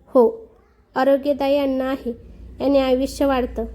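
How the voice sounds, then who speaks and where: Shy young woman, flustered, a bit cross, storybook voice, read by a woman, high pitch. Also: flat delivery, a little slow, mellow. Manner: flustered, pleading. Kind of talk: audiobook character reading.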